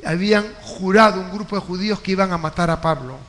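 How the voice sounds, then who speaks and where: High-voiced preacher in a reverberant hall. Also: male voice, steady tone, fast, fairly bright tone. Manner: storytelling preacher, acts out crowd voices. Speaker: pastor. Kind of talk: sermon. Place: church hall. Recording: livestream from a hall with long reverb.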